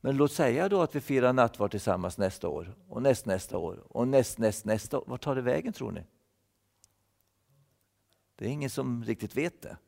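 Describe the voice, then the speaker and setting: A man's voice: medium pitch, animated, creaky, a little mellow, in a large hall. A man giving a thoughtful Bible-teaching sermon, repeating words as he explains. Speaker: preacher.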